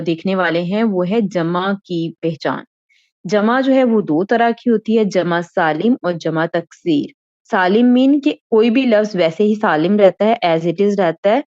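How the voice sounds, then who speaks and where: A patient woman teacher walks through a grammar lesson one step at a time. She keeps checking in with her students as she goes. Her voice sits at an ordinary pitch and is recorded close and dry, with a slightly muffled, lo-fi edge. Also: a little mellow, dry recording. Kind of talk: Quran grammar lesson in Urdu.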